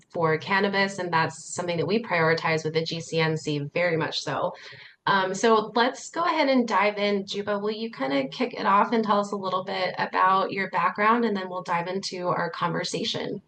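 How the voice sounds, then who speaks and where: A woman with a lowish voice hosts a podcast, introducing the episode and her guest in an upbeat way. A faint hiss sits under her voice. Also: moderate pace, fairly bright tone, rough recording. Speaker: podcast host. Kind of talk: scripted podcast introduction and casual hosting.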